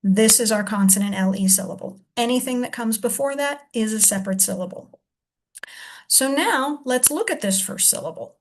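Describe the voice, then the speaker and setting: A woman teaching a reading lesson, patiently sounding out syllables slowly and explaining each step. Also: a little high. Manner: slow, deliberate sounding-out of syllables.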